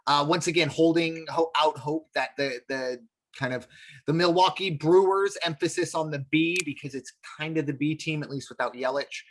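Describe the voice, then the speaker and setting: Rambling man, somewhat high voice. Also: fairly even intonation, normal speed, a bit bright. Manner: rambling, many fillers and restarts. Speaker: podcast co-host. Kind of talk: casual sports talk.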